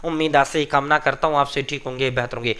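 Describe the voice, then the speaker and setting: A man hosting a coaching channel, giving exam news and pitching study notes in an emphatic, repetitive way, calling his viewers brothers. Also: steady tone, quick pace, pushed and bright, smooth.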